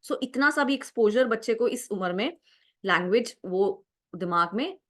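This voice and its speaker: A woman's voice: fairly high pitch, animated, moderate pace, fairly bright tone. Woman teaching with frequent check-ins. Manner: explanatory, mixes Hindi and English, frequent "right?" check-ins. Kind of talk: exam-prep lecture.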